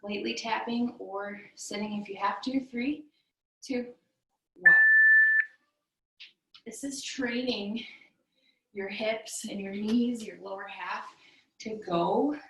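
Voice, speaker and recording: A woman's voice: mid-range voice, slow, long pauses, sharp tone. A woman fitness instructor leading a virtual workout, counting down reps and cueing form while she exercises in a small room. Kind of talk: coaching a virtual workout class. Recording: roomy echo, mic at a distance, faint noise.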